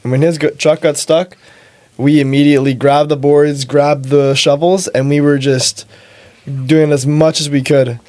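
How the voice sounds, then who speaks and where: A man's voice: on the high side, level tone, moderate pace, a little mellow, no echo. Young man recounting a story plainly. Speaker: guest, host's son.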